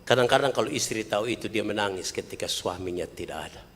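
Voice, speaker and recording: A pastor preaching a sermon, swinging between loud bursts and quiet asides. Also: male voice, fast talker, a little hiss or hum. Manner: animated preaching, swings from shouts to low asides. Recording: long hall reverb.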